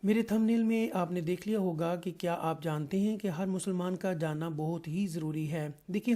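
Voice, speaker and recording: Male Quran teacher from Pakistan, soft dark tone, patient and careful, lots of hesitant fillers. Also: on the high side. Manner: explains slowly and carefully, with many drawn-out "aa" fillers. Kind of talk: online Quran lesson.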